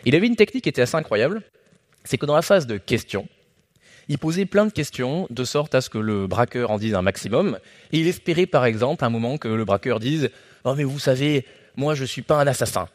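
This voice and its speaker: A man giving a live sales training talk to an audience, speaking in an animated, conversational way with emphatic rises in pitch and loudness. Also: fairly quick. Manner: conversational, with fillers and restarts.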